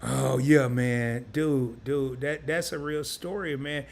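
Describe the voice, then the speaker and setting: A man hosting a casual live stream, animated and chatty, reading viewer comments aloud in loose slang. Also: mid-range voice, takes it slowly, gravelly. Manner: animated, chatty, repeats himself.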